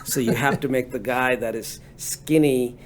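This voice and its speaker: A man from Bangladesh in his forties, answering interview questions in a relaxed, rambling way with many fillers. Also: medium pitch, moderate pace. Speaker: guest entrepreneur.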